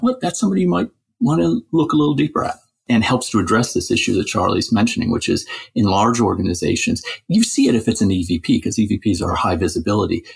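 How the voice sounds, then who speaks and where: Very husky, creaky man explaining his research. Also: lowish voice. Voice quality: husky, gravelly. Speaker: interview guest, researcher and author. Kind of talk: explanatory interview talk.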